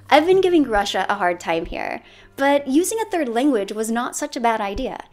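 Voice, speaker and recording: A woman hosting an educational video series, narrating a scripted explainer with playful, punchy, self-mocking asides. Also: on the high side.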